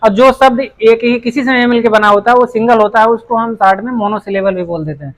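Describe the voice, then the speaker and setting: A man's voice: very high-pitched, fairly quick, low-quality recording. Patient male grammar teacher. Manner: patient, repetitive, restarts mid-phrase while writing. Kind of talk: whiteboard lesson explanation.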